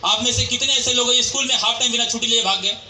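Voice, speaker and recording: A man tells motivational stories to a hall audience, often turning to quiz the crowd. His voice is very high and sharp-edged. The sound rings around a large, echoey hall through a stage mic. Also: racing, soft background music. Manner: animated storyteller, keeps addressing the crowd as friends and quizzing them. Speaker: motivational speaker at a company anniversary event. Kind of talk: motivational storytelling speech.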